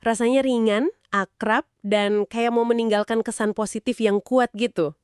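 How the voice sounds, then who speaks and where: A woman's voice: on the high side, steady tone, moderate pace, clear, resonant tone, no room sound, clean studio sound. A woman co-hosting a podcast who sums up points and asks friendly follow-up questions. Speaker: podcast co-host. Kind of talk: casual explanatory discussion.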